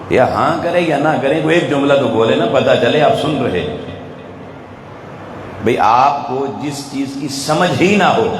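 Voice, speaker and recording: A man's voice: mid-range voice, a little hiss or hum. Pakistani man preaching in an echoey hall. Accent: Pakistani Urdu. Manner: rhetorical questions, urging the audience directly. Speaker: religious speaker. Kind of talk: sermon to a live audience. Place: event hall with an audience. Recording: echoey hall, faint ambience.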